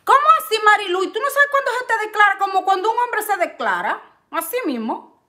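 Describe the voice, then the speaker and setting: A middle-aged woman chatting on a live stream, reading viewer comments with lots of excited exclamations and loud laughter. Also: extremely high pitch, brisk. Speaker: vlogger hosting a live stream.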